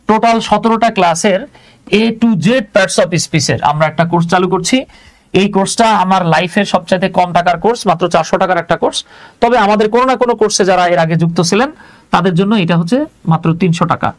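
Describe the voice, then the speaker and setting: A man teaching English grammar in a chatty live online lesson, joking about himself and reading out viewer comments. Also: high-pitched.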